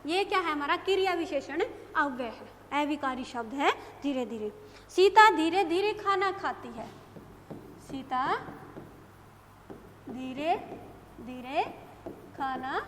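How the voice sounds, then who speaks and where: A woman's voice: high voice, a bit bright. A woman teacher giving a grammar lesson to young pupils, often asking questions and answering them herself. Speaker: school teacher. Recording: echoey classroom with long reverb, faint noise.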